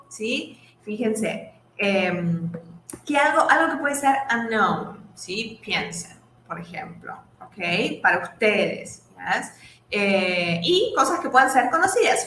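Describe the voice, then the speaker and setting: A woman gives an English lesson, her voice bright and her pitch moving a lot. She explains step by step and checks in with the class after every point. The room sounds echoey, with faint noise behind her. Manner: explains slowly, asks "¿sí?" after each point. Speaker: English teacher.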